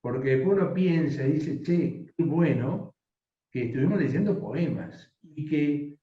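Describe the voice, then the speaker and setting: A man's voice: fairly high pitch, lively intonation, a little slow. Echoey distant male voice teacher. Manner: instructive, asks the class frequent yes-or-no checks. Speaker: workshop teacher. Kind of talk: voice and speaking workshop. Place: classroom. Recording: distant mic in an echoey, dull-sounding room.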